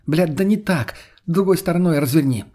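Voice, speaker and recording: A man reading the part of a bossy, foul-mouthed young woman in an audiobook. The voice is pushed up higher and stays husky, snapping and shouting at her companions. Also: normal speed, lightly acted. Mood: irritated, snapping. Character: rude, bossy young woman car thief.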